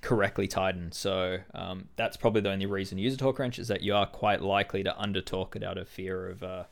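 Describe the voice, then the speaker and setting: A man's voice: low-pitched, fairly even intonation, fast talker, creaky. Man musing with lots of ums. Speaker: podcast co-host. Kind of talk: casual podcast chat.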